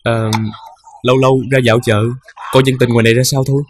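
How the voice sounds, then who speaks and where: A man's voice: medium pitch, level tone, fast talker, slight background noise, natural voice. An actor playing an earnest young man pleading with the woman he courts, with a Southern Vietnamese accent. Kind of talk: TV drama acting.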